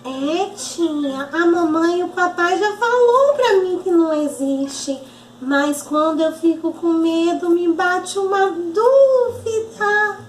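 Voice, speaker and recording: A woman's voice: very high voice, lively intonation, takes it slowly, echoey room, faint music behind, pitched above the performer's own voice, exaggerated voice. Shy little girl, as a woman puts her on. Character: timid little girl pupil.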